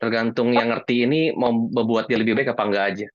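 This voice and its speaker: A male guest speaker on emotions, mid-range in pitch, keeps a steady tone at a quick pace. He answers the audience's questions casually with jokes and acted-out little dialogues, recorded dry in dull lo-fi online talk audio.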